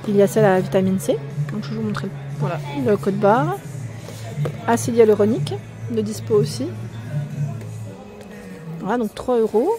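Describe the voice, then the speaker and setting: A woman with a French accent chatting casually as she walks a shop aisle, reading out labels and prices and asking viewers questions. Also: on the high side. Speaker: shopping haul vlogger. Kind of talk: casual store walkthrough. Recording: music playing behind.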